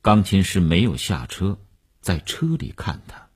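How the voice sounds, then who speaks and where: A man narrating a novel as a radio serial reader and announcer, with a measured storytelling delivery. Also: sits low, sing-song, a little mellow, husky.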